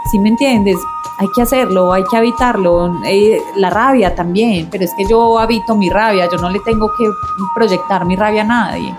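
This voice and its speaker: A woman speaking as a psychologist guest, at an ordinary middle pitch. She explains her ideas and gives advice clearly, and faint music plays behind her. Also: normal speed, hardly any pauses. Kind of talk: reflective conversation.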